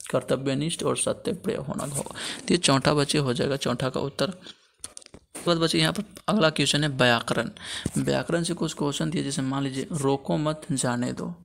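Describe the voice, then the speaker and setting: A man explains a Hindi textbook lesson, addressing his pupils as children, offering earnest moral advice, and repeatedly using "okay" as a filler. His voice is fairly high, creaky, and a bit bright.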